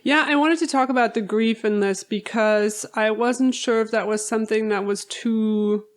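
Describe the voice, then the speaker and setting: A woman's voice: fairly high pitch, fairly even intonation, moderate pace. A woman from Europe co-hosting a podcast, chatting casually and laughing easily. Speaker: podcast co-host. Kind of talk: casual chat.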